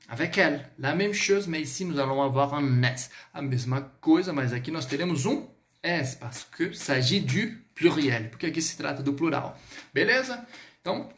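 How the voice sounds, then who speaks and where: Lively Brazilian man teaching French. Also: a little high. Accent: Brazilian Portuguese. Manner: lively, drills words slowly, switches between two languages. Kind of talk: online language lesson.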